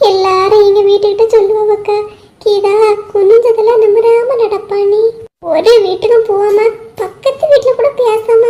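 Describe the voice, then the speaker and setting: A woman's voice: very high-pitched, warm tone. A woman voicing a gossipy, touchy village wife in a cartoon, speaking in a Kanyakumari Tamil accent and complaining in a whiny, self-pitying way. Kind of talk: cartoon voice acting.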